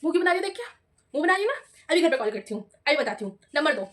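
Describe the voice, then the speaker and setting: A stern, accusing female college teacher snaps at a student in a high, quick voice, as a woman vlogger puts her on. She scolds and threatens without letting up. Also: expressive, fairly bright tone. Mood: scolding.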